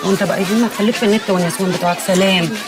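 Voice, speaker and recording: A woman's voice: mid-range voice, fairly even intonation, racing, a loud crowd, close to an everyday voice. An actress playing a reproachful young Egyptian woman in a TV drama, with an Egyptian Arabic accent. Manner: sharp, reproachful. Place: outdoor street. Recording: busy noisy street.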